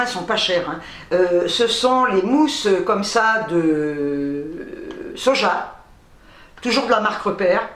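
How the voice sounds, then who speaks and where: Brief: middle-aged woman vlogger, fairly high voice, quick, self-mocking chatter that stumbles over itself; roomy home recording. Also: a bit bright, a little hiss or hum. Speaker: vlogger showing a grocery haul. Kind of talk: casual chat to camera. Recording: echoey room.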